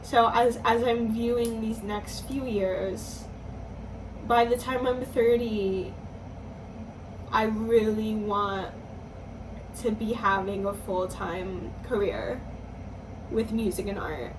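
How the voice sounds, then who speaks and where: A woman in her twenties, a musician talking slowly and thoughtfully in a personal vlog, often pausing and restarting her sentences. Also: a little high. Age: 20s. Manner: slow, thoughtful, hesitant with restarts. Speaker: musician vlogger. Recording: slightly distant mic, faint background noise.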